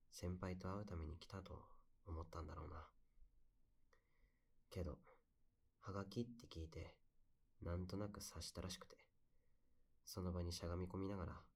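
A low-pitched young man, played by a male voice actor, shares memories in a bedside audio drama. He is wistful and soft-spoken, telling his story intimately, as if to one close listener.

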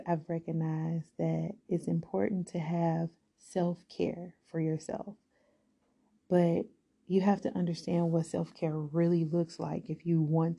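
A woman's voice: lowish voice, vocal fry, dark tone, slightly rough, muffled recording. A young woman hosting a solo podcast, talking candidly and reflectively in a conversational way with plenty of fillers. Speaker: podcast host.

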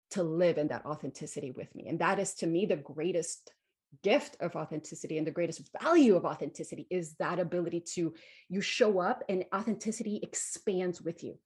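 A Guatemalan woman in her forties, a guest in an interview, reflects on her life, repeating phrases for emphasis. Her voice sits fairly low and sounds a little mellow with a slight roughness.

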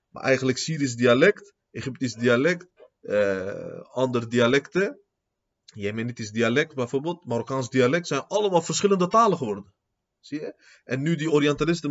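Man lecturing in Dutch with Arabic terms. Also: mid-range voice. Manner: rhetorical questions, keeps asking "zie je?"; mixes Arabic terms into Dutch, non-native grammar. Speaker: Islamic teacher giving a lecture. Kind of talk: religious lecture. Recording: dull lo-fi lecture recording.

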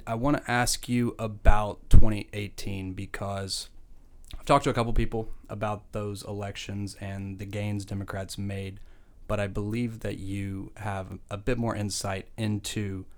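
An American man interviewing about politics, his voice a little under the weather as he recovers from a cold. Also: fairly low pitch. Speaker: interviewer and host.

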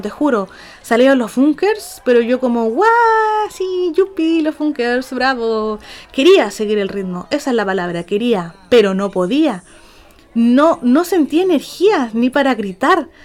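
A young Chilean woman with a Chilean accent, telling a story casually in an animated, slangy way. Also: on the high side. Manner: animated and slangy, acts out quotes.

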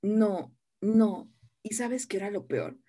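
An older woman, a dubbing director telling animated, self-deprecating stories in an interview. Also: medium pitch, takes it slowly. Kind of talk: reminiscing interview.

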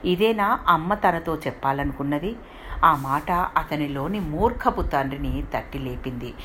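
A woman narrating a story in an expressive, steady reading voice. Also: low voice, a little slow, a little hiss or hum.

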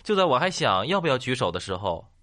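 Man, comedy host reading jokes, hugely expressive pitch, bright tone. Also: fast. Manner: lively storyteller, acts out the lines of characters. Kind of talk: joke reading.

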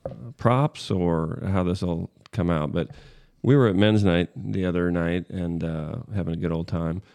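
A middle-aged man from the northern United States co-hosts a podcast in casual chat. His voice is very deep and gravelly, and it sounds dry and close. He rambles and hesitates often. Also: measured pace, a little mellow, dry recording. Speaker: podcast co-host.

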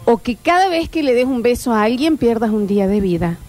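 A woman with a Rioplatense Spanish accent, hosting a radio show in playful, quick banter with her co-hosts. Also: fairly high pitch, expressive, a little mellow. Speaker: radio host. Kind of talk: casual chat.

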